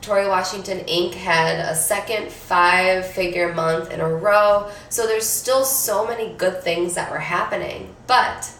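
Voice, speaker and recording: A woman's voice: medium pitch, fairly bright tone, roomy sound, far from the mic, slight background noise. A woman coaching on manifestation in a casual live stream, chatty and upbeat with casual swearing, her voice nasal from a cold.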